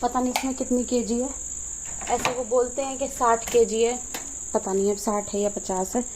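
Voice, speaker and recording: A woman's voice: a little high, level tone, moderate pace, background noise. A middle-aged woman, chatting casually to camera in a home vlog while she explains things and does chores. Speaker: vlogger. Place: home kitchen and yard.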